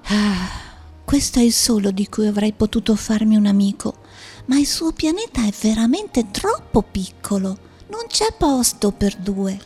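A woman's voice: medium pitch, animated, a little slow, warm tone, slightly rough, soft background music. A woman voicing a curious, earnest young boy prince in an audiobook drama, full of wondering questions.

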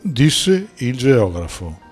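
A man narrating a storybook in a measured, storytelling manner. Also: medium pitch, sing-song, husky, soft background music. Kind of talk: scripted audiobook narration.

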